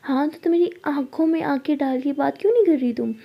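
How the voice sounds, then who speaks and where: Woman voicing a bold young woman, teasing, hushed, high pitch, muffled recording. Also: brisk, vocal fry. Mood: stern. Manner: teasing, intimate.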